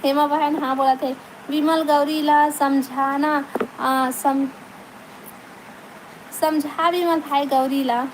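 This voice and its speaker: A woman's voice: high-pitched, steady tone, takes it slowly, long pauses, background noise. A woman with a Chhattisgarhi accent, chatting casually on her live stream, greeting viewers by name and laughing often, on a phone mic. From Chhattisgarh, India.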